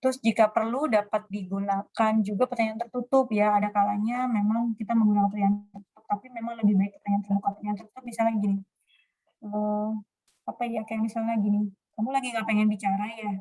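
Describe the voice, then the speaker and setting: A woman gives an informal lecture, talking through her slides at an easy pace. She pauses often with fillers and slips into short acted example questions as she goes. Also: medium pitch, little pitch movement, dark tone.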